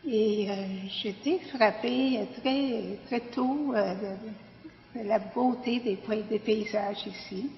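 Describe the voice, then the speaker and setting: A woman in her sixties, from Pakistan, gives a personal testimony as a garden volunteer. She speaks very slowly and hesitantly, with many fillers. The recording is dull and lo-fi, with a long hall echo. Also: on the high side. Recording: echoey hall, dull lo-fi sound.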